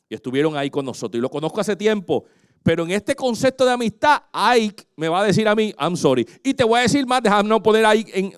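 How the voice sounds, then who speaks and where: A male pastor preaching an impassioned sermon, swinging between loud, stretched-out highs and soft, low passages. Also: clean tone, no room sound, studio quality.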